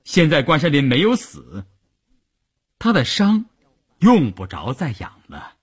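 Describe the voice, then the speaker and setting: A man reading a long serial story for radio, with expressive, acted-out narration. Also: on the high side, measured pace, husky.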